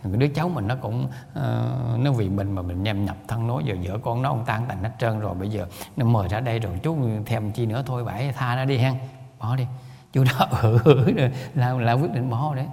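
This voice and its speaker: A man with a Southern Vietnamese accent delivers a Buddhist talk at a quick clip, his voice gravelly and fry-laden. He rambles, stacks repeated words and chuckles as he tells stories. The sound hangs in a long hall reverb. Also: medium pitch, darkish tone. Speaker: Buddhist lay teacher.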